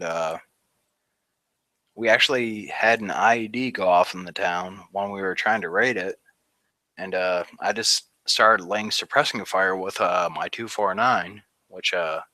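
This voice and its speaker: This man's voice is on the low side, bright and forceful, captured in a dry recording. In his thirties and an Army veteran, he rambles casually through his war story during an interview, using many "like" fillers and laughing at grim moments.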